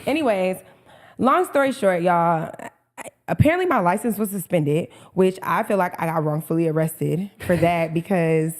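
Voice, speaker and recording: A young woman co-hosts a podcast and tells a story in loose, casual chat. She is animated and swears freely. She slips into the voices of the people she quotes. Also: on the low side, normal speed. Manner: animated and profane, quotes others in dialogue. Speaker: podcast co-host.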